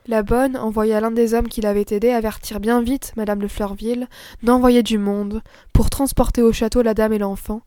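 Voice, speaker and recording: A woman reading a story aloud in a measured, expressive narration. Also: mid-range voice, no room sound, clean studio sound. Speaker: audiobook narrator. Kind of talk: scripted narration.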